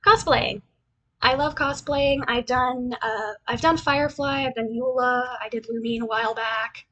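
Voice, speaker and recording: High, husky young woman, cute anime streamer. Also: fairly even intonation, unhurried, fairly bright tone. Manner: rambling, repeats phrases. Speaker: VTuber streamer introducing themselves. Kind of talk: casual livestream chat over a slideshow.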